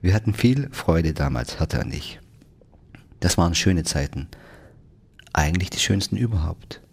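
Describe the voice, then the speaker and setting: A chuckling, eager-to-please older man, a proud grandfather bursting to show off his family, as a male reader puts him on. The voice is deep and gravelly with a husky edge. Storybook reading with a giggle always close. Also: expressive, normal speed, exaggerated voice. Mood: jovial.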